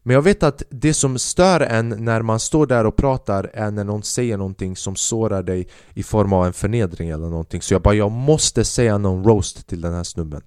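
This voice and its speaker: A young man telling a self-mocking story on his podcast, animated and swearing freely, dropping in English phrases. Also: fairly low pitch, few pauses, smooth, dry recording, clean studio sound. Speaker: podcast host. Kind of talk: casual storytelling monologue.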